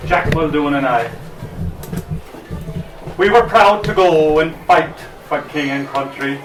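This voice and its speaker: Irish guy storyteller reciting at an open mic, dramatic, far from mic, noisy room. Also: medium pitch. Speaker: storyteller and poet performing. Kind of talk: live spoken-word recitation at an open mic. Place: bar open-mic night, distant microphone. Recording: roomy, noisy bar recording from far off.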